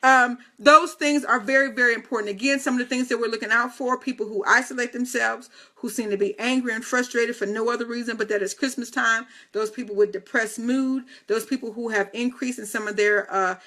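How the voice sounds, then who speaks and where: A woman's voice: fairly high pitch, fairly even intonation, brisk, few pauses, bright, forceful tone. A woman in her fifties hosting a casual live video talk, speaking straight to viewers with playful, teasing asides. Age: 50s. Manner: playful, teasing asides and chatty direct address.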